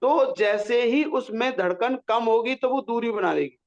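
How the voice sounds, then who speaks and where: A man's voice: very high-pitched, measured pace, highs cut off. A man teaching a pronunciation lesson, patiently drawing out syllables to demonstrate them. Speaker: Sanskrit teacher.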